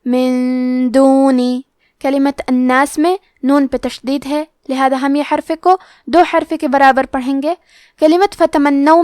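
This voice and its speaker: A woman teaching Quran recitation rules, explaining each letter and rule slowly and carefully. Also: high-pitched, a little mellow, no echo, studio quality. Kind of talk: tajweed lesson explanation.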